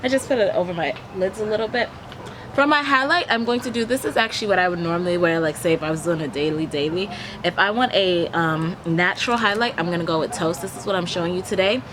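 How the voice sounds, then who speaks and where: This beauty vlogger, a young woman, talks fast in a fairly low-pitched voice while doing a makeup tutorial, casually explaining each step to the camera as she goes. She's recording outside in a leafy garden, where traffic hum and general outdoor noise come through.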